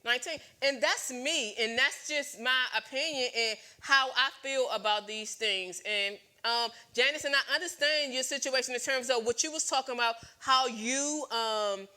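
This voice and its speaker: A woman's voice: on the high side, sharp tone. A woman in her late forties hosting a talk show, sharing candid opinions with many fillers and restarts. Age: 40s. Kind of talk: casual talk show chat.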